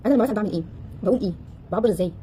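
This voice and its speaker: A woman with an Egyptian Arabic accent coaching a live audience in a casual, animated way, firing off rhetorical questions and acting out the voices of the people she quotes. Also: mid-range voice, racing, slight background noise. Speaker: relationship coach.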